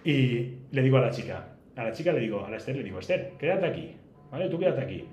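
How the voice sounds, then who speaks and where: Lively, fast-talking man telling stories. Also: mid-range voice, faint music behind. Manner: animated storyteller, acts out dialogue. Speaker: podcast guest. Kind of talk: casual travel storytelling. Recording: roomy echo, faint background noise.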